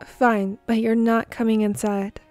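A woman reading the lines of a tired, stubborn young man in a soft, hushed voice, in a fan fiction reading. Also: fairly high pitch, level tone, measured pace, soft background music, close to an everyday voice. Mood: hushed, insistent.

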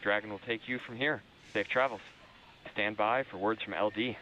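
A man speaking as launch controller over a space radio comm loop, making crisp, formal callouts. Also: on the low side, steady tone, moderate pace, pushed and bright. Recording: muffled radio loop with faint hiss.

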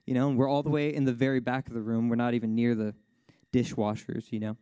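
A man gives a sermon testimony as a lively, casual story, his voice leaping high whenever the tale gets exciting. His tone is mellow and warm, recorded close and dry, with many easygoing fillers and bursts of laughter. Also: quick pace, clean tone, no room sound. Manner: animated storyteller, voice jumps high when excited, laughs often; casual, fills speech with "like" and "you know". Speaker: worship speaker at a church service.

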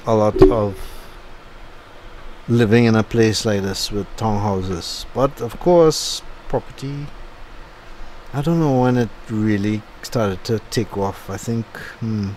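This low-quality recording, with a little hiss or hum, features a medium-pitched, slightly mellow man's voice. He's a middle-aged YouTube host at home after a drive, giving rambling, casual commentary on his video with plenty of fillers.

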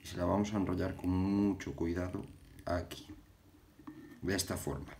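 Young man from Galicia, very low voice, halting casual fly-tying tutorial with faint room hum. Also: flat delivery, creaky, a little mellow. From Galicia, Spain. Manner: halting, repeats words while working with his hands. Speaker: fly-tying channel host. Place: indoors at a tying bench.

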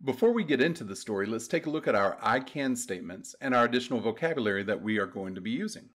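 A man teaching a beginners' language class, giving clear, patient step-by-step directions in a scripted voice-over. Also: medium pitch, lively intonation, fast, a bit bright. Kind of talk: scripted instructional narration.

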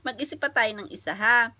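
A woman from the Philippines talks casually to her viewers from home, laughing often between lines. Her voice sits a little high and sounds bright and lively. She chats freely and speaks straight to the audience. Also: no echo. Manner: chatty, addresses viewers directly. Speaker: vlogger making prank calls. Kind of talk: casual chat. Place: home flat.

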